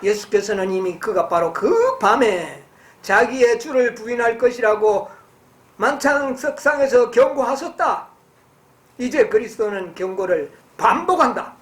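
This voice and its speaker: A woman preaching a sermon. She reads passages slowly and then explains them, asking her listeners questions and answering them herself. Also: on the high side, expressive, roomy sound. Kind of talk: sermon with Bible reading.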